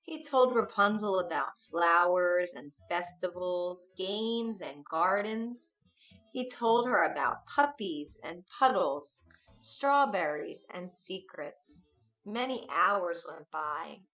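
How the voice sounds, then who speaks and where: A woman narrating a fairy tale for English learners, reading slowly, clearly and expressively. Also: on the low side, expressive, fairly bright tone, poor audio.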